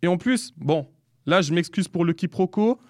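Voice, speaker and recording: A man hosting a student radio show, relaxed and teasing. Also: high-pitched, normal speed, no room sound, studio quality. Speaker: radio host.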